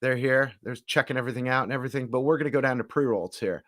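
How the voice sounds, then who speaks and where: A man's voice: mid-range voice, racing, a bit bright. A man hosting a casual home livestream, rambling and stop-start as he greets viewers in the chat. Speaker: livestream host reviewing cannabis.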